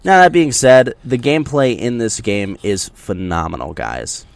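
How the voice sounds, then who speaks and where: Medium-pitched, animated, and gravelly, the man speaks a little slowly as he gives unscripted impressions of a video game over gameplay. He chats conversationally, explaining things directly to his audience.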